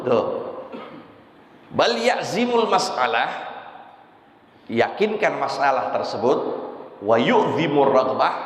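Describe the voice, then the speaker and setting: Slow-speaking man in an echoey mosque. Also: fairly high pitch. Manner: animated, mixes Arabic recitation with colloquial explanation. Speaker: religious teacher. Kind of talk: mosque sermon teaching from a book. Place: mosque hall. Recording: echoey mosque hall reverb.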